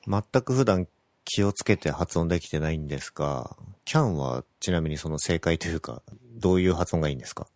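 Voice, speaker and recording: A man's voice: sits low, animated, fairly quick, a little mellow. A man in casual talk who asks curious questions. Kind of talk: casual chat.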